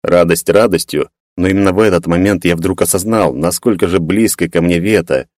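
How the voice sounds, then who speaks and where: A man narrating a first-person story in a steady, even manner. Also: low voice, a little fast, no room sound, clean studio sound. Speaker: audiobook narrator.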